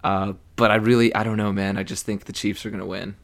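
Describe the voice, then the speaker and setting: A man's voice: fairly low pitch, level tone, fast, fairly bright tone. Casual young man talking sports. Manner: profane, laughing, mimics people. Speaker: podcast co-host.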